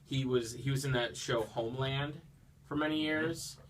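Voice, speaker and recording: A man's voice: mid-range voice, fairly even intonation, normal speed, slight background noise. An American man hosting a radio interview, playful and jokey, with frequent stumbling restarts. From United States. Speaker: radio host. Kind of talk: casual interview.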